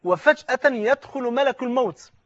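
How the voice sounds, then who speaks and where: A man's voice: extremely high pitch, animated, moderate pace, a bit bright. A man preaching an emotional sermon, chanting repeated refrains with mounting passion. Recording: dull lo-fi dry recording.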